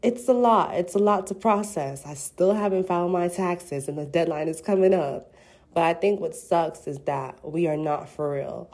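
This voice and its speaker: This is a woman in her twenties hosting a casual solo podcast, her voice on the low side, a little mellow, and moderately paced. She's playful and slangy, and she sounds congested from a cold.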